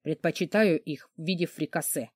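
A woman reading an audiobook, voicing a feverish, sarcastic, crude hulking man in a low, hoarse, husky voice with a gruff, mocking manner. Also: normal speed, a little mellow, no room sound, clean studio sound. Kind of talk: audiobook character voice.

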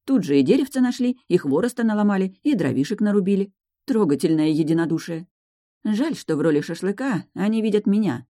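A woman reads a first-person fantasy story aloud with wry, ironic humor. Her voice sits at a middle pitch. The recording is dry and close. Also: expressive, fairly quick, warm tone, dry recording. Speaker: audiobook narrator.

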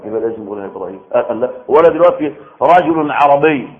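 Animated preacher on a tinny recording. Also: male voice, mid-range voice, racing. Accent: Egyptian Arabic. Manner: animated, asks the audience rhetorical questions and answers himself. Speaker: preacher giving Quran commentary. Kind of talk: colloquial religious lecture.

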